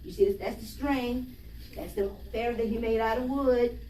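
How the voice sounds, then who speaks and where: A woman's voice: on the high side, fairly even intonation, moderate pace, dark tone. A woman reading a story aloud to young children, stopping to explain it in simple words and ask them questions. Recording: roomy, distant mic, faint noise.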